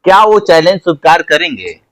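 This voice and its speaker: A man's voice: on the high side, big pitch swings, moderate pace, fairly bright tone. A male interviewer asking probing questions and pressing for specifics.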